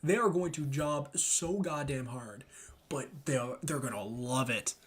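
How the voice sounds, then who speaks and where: A young man chatting casually and emphatically in slang, thinking out loud as he rambles through his opinions. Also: medium pitch, animated, measured pace, breathy edge. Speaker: solo commentator reading and reacting to comments. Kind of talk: casual rambling chat about comics and anime.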